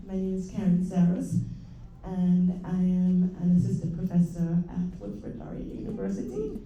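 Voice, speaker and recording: Speaking fairly low and with animation, a middle-aged assistant professor from Jamaica talks on a conference panel at a moderate pace in a warm tone. She has a Jamaican accent and a conversational style full of fillers and small laughs. The conference room recording has a dull, roomy hall quality.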